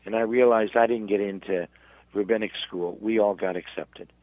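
A man, a rabbi, telling his story in an interview in halting, self-repeating speech. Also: on the low side, steady tone, no room sound, narrow, tinny audio. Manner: halting, repeats words while searching. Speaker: rabbi and guest.

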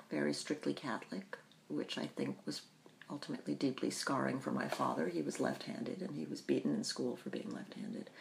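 A woman who grew up in the Bahamas, telling her family history in an interview, thoughtful and pausing often. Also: low voice, creaky, darkish tone, slight background noise. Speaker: interview guest. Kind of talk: reflective personal storytelling.

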